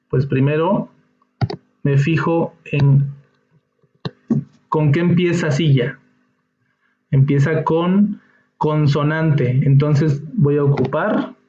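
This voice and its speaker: With a fairly high pitch but a dark tone, a man gives a slow English lesson, with slight background noise in the mix. Patiently explaining each step, he keeps checking in with students, captured in a dull room with echo.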